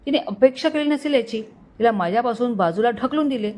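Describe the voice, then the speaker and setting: A woman storyteller reading a romantic story aloud in a steady, expressive way. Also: on the high side, brisk. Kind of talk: scripted story narration.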